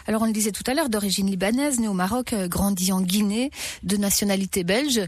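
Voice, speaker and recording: A woman's voice: medium pitch, fast, no echo, studio quality. A woman hosting an interview, introducing her guest and asking searching, hesitant questions. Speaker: interviewer host.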